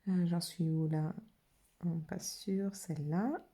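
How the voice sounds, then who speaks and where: Chatty French woman, low mellow voice. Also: fairly even intonation, takes it slowly. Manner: chatty, thinking aloud with many fillers. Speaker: watercolour channel host. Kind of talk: casual art demo narration.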